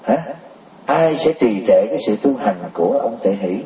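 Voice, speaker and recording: A man's voice: on the low side, animated, moderate pace, dark tone, a little hiss or hum. A man giving a Buddhist sermon, pressing his listeners with rhetorical questions and often laughing as he talks. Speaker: Buddhist teacher. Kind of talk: sermon to a congregation. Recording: roomy, distant mic.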